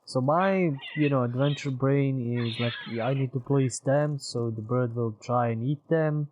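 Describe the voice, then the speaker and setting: A man's voice: mid-range voice, unhurried, darkish tone, highs cut off, a little hiss or hum. A man streaming a video game in casual chat, swearing often and laughing readily. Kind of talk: casual let's-play chat.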